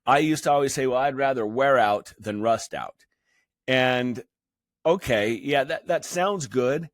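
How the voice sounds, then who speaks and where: Speaking personally to the camera, a fitness channel host in his fifties comes across as earnest, though he stumbles through many restarts and fillers. The recording of his medium-pitched voice is dry and studio-clean.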